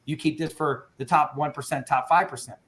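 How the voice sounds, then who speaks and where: High-voiced, fired-up man coaching agents. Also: fairly even intonation, brisk, a bit bright. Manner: fired-up, casual, says dude and bro. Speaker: insurance agency owner training agents. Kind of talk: energetic sales training talk over a video call.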